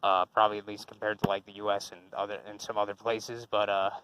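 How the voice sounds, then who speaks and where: Speaking quickly and flatly, a young channel host rambles through an unscripted commentary response full of fillers, restarts and casual swearing. His voice is fairly low, smooth and a bit bright. The recording is rough.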